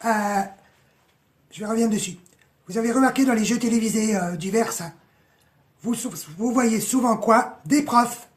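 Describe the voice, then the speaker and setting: A woman with a hoarse voice, mocking and chatty, analysing song lyrics in a casual live stream, full of slang and swearing. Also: fairly high pitch, a little mellow.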